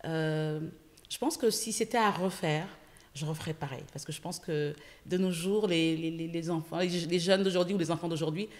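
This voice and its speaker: A woman from Senegal, a guest entrepreneur, telling stories in a casual interview, lively, with many fillers. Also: fairly low pitch, moderate pace. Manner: lively storytelling with frequent fillers. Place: podcast studio.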